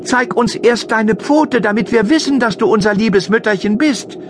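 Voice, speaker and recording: A man voicing a group of small frightened goat kids in a fairy-tale audiobook, calling out in a shrill, insistent way. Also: moderate pace, background noise, natural voice. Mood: defiant. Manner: shrill, insistent chorus-like calls. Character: seven little goat kids, young and frightened.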